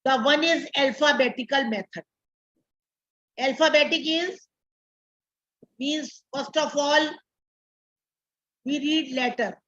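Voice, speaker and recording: Indian woman teacher, high voice, slow deliberate delivery, repeats terms for students; dull lo-fi classroom recording. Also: a bit bright. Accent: Indian English. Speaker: teacher educator. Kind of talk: classroom lecture.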